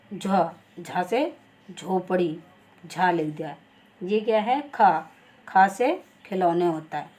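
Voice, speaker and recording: A woman's voice: mid-range voice, darkish tone. A young woman teacher patiently explaining a first-grade lesson step by step. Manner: patient, step-by-step, repeats "ठीक है".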